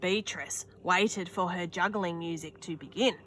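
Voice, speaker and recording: A young woman with a lowish voice reads a children's picture book outside on a sunny wooden deck, with background noise audible. She goes slowly and expressively, throwing in gasps and small asides.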